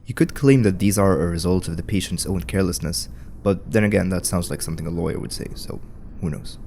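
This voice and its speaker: Low-voiced man narrating wryly. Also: quick pace, darkish tone, slight background noise. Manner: wry, conversational commentary. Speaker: video essay narrator. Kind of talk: scripted narration.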